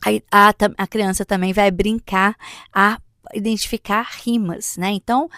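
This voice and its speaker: A woman, explaining early literacy to parents in an unhurried, instructive way. She pauses and restarts words as she goes. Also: medium pitch, fairly even intonation, pushed and bright, no echo, studio quality. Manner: breaks into sung nursery rhymes in a lilting voice. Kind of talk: explanatory talk to camera.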